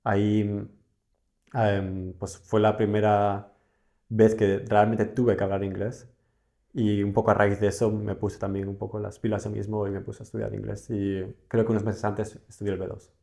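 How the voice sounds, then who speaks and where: In a relaxed interview, a podcast guest from Spain, a young man, thinks aloud with many hesitations and fillers. He has a mellow, creaky voice on the low side, a level tone, and a moderate pace.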